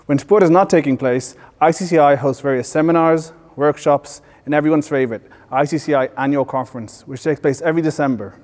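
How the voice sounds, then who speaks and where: A man in his thirties with an Irish accent leads a tour as a facilities manager. He talks briskly and in a friendly way, his voice a little higher than most men's. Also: darkish tone. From Ireland. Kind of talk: guided tour talk. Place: indoor centre halls.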